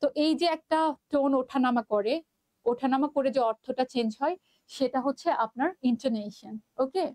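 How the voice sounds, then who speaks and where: Woman teacher with a Bangladeshi Bengali accent, high voice, dry close sound, chatty live-class delivery. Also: normal speed, darkish tone, no room sound. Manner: chatty, mixes English terms, reads out student comments.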